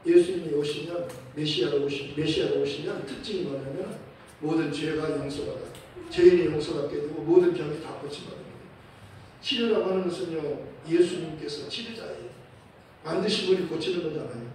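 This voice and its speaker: A man preaching a sermon as pastor, telling a story with lively acted-out voices and chuckling now and then. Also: a little high, fairly quick, slight background noise. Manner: animated storytelling, acts out quoted voices. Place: church sanctuary. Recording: echoey church hall, mic at a distance.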